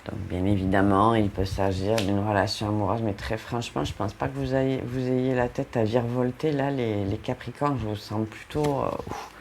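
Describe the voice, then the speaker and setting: A man's voice: on the low side, fairly even intonation, moderate pace, darkish tone, slight background noise. A man with a French accent giving a casual, upbeat tarot card reading, talking straight to his viewers and often interrupting himself. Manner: chatty, upbeat, breaks into laughs and self-interruptions.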